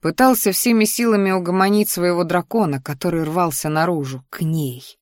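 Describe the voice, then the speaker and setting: A woman reading a novel aloud as an audiobook narrator, in steady first-person narration. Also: lowish voice, moderate pace, dry recording, clean studio sound.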